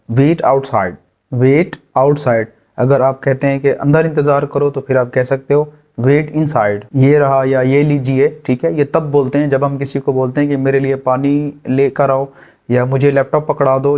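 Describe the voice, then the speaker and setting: Man drilling English phrases slowly. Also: mid-range voice, a little mellow. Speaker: spoken English teacher. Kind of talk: language lesson with slow drilled repetition.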